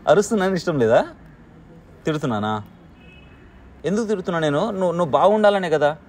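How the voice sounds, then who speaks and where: A man's voice: fairly high pitch, lively intonation, quick pace, a little mellow. A man playfully scolding and teasing a small child, firing the same questions at her again and again in a mock-stern way, then coaxing her to stop crying. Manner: coaxing, repeating soothing phrases. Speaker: vlogger playing with a small child. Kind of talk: casual teasing talk with a child.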